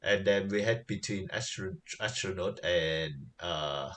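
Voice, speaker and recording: A man co-hosting a podcast, talking casually about anime in a halting way, with many fillers and quick agreements. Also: deep voice, fairly bright tone. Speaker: podcast co-host. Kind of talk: casual chat reviewing anime.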